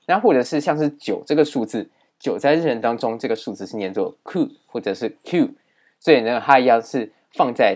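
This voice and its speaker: A man teaching a language lesson in a steady explaining manner, with many fillers. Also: mid-range voice.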